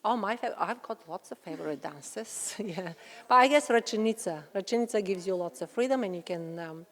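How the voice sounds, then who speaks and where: A woman's voice: mid-range voice, moderate pace, a bit bright. A woman answering interview questions in a friendly, hesitant way with many fillers. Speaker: interviewee, mother and dancer. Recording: long hall reverb.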